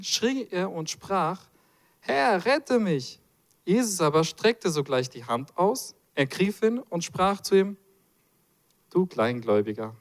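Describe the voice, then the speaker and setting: A man preaching a sermon in a church, reading from the Bible and joking with the congregation. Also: fairly high pitch. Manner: animated, playful asides to the congregation.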